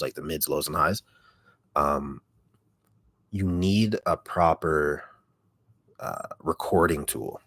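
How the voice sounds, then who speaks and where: A man with a deep, raspy voice chatting casually on a livestream, relaxed and rambling, speaking very close to the microphone. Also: no room sound. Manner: relaxed, rambling, heavy use of "like". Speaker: ASMR content creator on a livestream. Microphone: microphone held very close.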